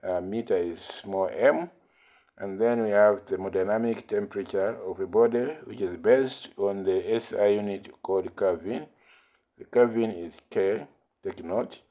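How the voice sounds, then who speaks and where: A man teaching a physics lesson, explaining slowly and repeating key points between fillers like "uh". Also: lowish voice, mellow. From Malawi. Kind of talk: recorded classroom lesson.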